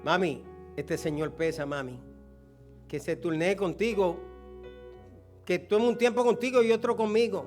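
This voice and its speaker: A man's voice: sits high, a little slow, long pauses, faint music behind. A pastor voicing a nervous young male donkey colt who keeps crying out to his mother. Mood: complaining. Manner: plaintive, repeatedly calling for his mother.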